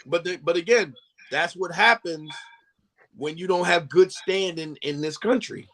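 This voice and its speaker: A man's voice: high voice, measured pace. A man co-hosting a podcast, chatting casually and telling stories with lots of repeated phrases. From New Jersey. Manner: animated storytelling, repeats phrases. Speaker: podcast co-host. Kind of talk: casual chat.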